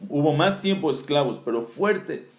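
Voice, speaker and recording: A male rabbi giving a Torah lesson as animated storytelling, reciting Hebrew verses and then explaining them. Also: a little high, normal speed, roomy sound.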